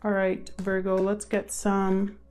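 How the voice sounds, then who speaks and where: A woman tarot reader, hosting her channel over background music, gives a casual, improvised reading while thinking aloud to the cards and her viewers. She speaks slowly in a medium-pitched, monotone, darkish voice.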